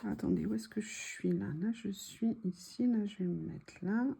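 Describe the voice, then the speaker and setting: A woman's voice: medium pitch, normal speed, gravelly, warm tone, breathy edge. A woman chatting casually while she crafts, thinking aloud and sometimes dropping to a murmur. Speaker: crafting vlogger.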